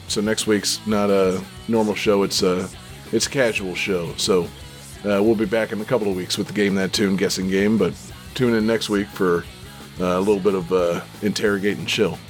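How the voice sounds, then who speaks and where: A man hosting a live game show podcast, joking around in casual chat with plenty of fillers. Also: lowish voice. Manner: joking, laid-back, many fillers. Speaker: podcast host.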